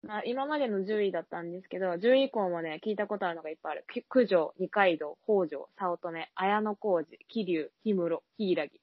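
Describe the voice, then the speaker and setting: A woman's voice: fairly low pitch, brisk, few pauses, breathy edge, no echo. A young woman co-hosting a casual chat show, giggling often and stumbling over sounds when she imitates them. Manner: giggly, stammers while mimicking sounds. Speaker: podcast co-host. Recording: dull lo-fi recording.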